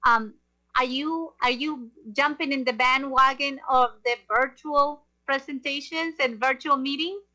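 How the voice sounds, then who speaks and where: A woman speaks as the host of an interview show. Her voice is high and distinctly bright, with a forceful edge. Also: a little slow. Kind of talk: interview hosting.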